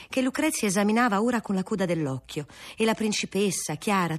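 A woman reads a classic novel aloud with a slightly husky, breathy voice. Her pitch sits in the middle of the range, and her delivery stays measured and even. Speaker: audiobook reader. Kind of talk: novel narration.

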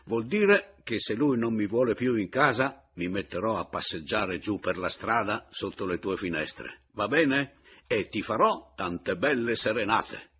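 A man doing a booming, teasing man toying with a rival. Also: animated, a little slow, fairly bright tone, breathy edge, exaggerated voice. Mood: mocking. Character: mocking, jovial man back from the dead.

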